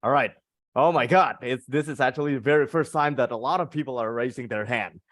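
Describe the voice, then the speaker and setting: Speaking a little fast in a mid-range, somewhat bright voice, an Indonesian-accented man leads a casual live English lesson that moves between two languages. The clean, dry studio sound carries his encouraging explanations as he repeats words and phrases.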